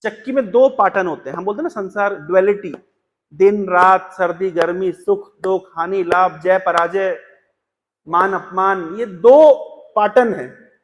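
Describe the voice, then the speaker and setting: A man giving a scripture class in Hindi, telling stories and slowly reciting couplets. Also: high voice, big-room sound. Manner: storytelling, quotes couplets slowly and deliberately. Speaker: Bhagavatam class speaker. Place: temple hall.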